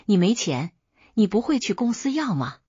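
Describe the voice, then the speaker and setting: A woman voicing a spoiled, hot-tempered young man who shouts threats, on a dull lo-fi recording. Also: lowish voice, big pitch swings, moderate pace, slightly rough, dry recording, exaggerated voice. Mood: angry. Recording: dull lo-fi audio.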